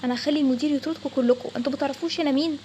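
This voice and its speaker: A woman's voice: sits high, fairly even intonation, rapid-fire, warm tone, slight background noise, close to an everyday voice. A woman with an Egyptian Arabic accent voicing a nosy, persistent young man who keeps pestering a coworker, in a toy role-play story. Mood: pushy. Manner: pleading, persistent. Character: nosy pushy young man, manager's son.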